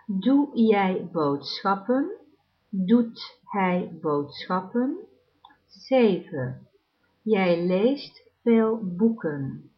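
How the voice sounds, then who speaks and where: A woman reading numbered practice sentences aloud as a language teacher, in a deliberate drill style with long pauses. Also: mid-range voice, big pitch swings. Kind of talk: slow, clearly enunciated drill reading. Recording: dull lo-fi recording.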